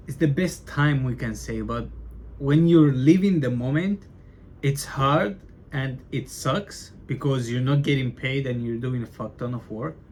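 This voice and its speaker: A man's voice: mid-range voice, a little hiss or hum. Chatty young man vlogging casually. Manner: loose and chatty, says bro and like a lot, stutters. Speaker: vlogger documenting his business. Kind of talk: casual talking-to-camera vlog.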